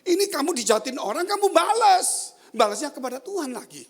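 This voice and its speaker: A man's voice: extremely high pitch, lively intonation, quick pace, breathy edge. A male pastor giving a sermon in a conversational style, often turning to address the congregation directly.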